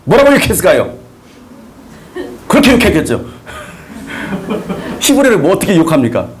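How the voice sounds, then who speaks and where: A male pastor preaches with a high, bright-pitched voice. His pitch rises and falls widely as he works through one rhetorical question after another. The delivery is animated and direct, aimed at a listening congregation. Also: moderate pace, slight background noise. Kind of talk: sermon.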